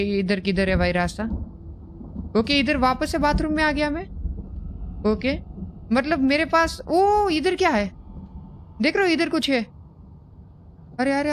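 A man's voice: extremely high pitch, fairly bright tone. Young guy streaming a scary game, jittery, keeps repeating himself, faint hiss behind. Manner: jumpy, nervous, repeats words when scared. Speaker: gaming host. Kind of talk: horror game commentary.

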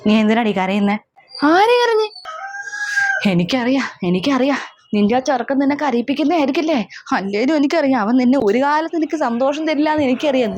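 A woman's voice: fairly high pitch, darkish tone, muffled recording, voice pushed down. A woman playing a melodramatic middle-aged mother in a comedy sketch, scolding and lamenting over and over. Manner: scolding, wailing, repeats herself. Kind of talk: comedy sketch role-play.

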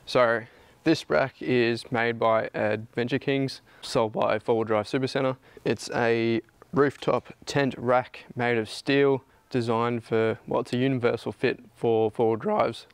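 An off-road vlogger chats casually to camera about his car's roof rack setup, first outdoors in a backyard and then in a plain indoor room. His mid-range voice is clean in tone, and his manner is relaxed and plain-spoken.

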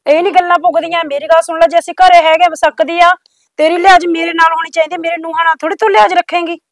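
A woman's voice: high voice, fairly quick, no echo. A woman with a Punjabi accent playing a stern mother-in-law who scolds a neighbour. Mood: scolding. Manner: scolding, then pleading. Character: stern older mother-in-law guarding her daughters-in-law.

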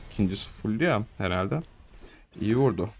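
A man's voice: lowish voice, lively intonation, fairly quick, slightly rough. A young man giving casual, slangy live commentary on his own match, chatting to viewers and teammates. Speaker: gaming streamer.

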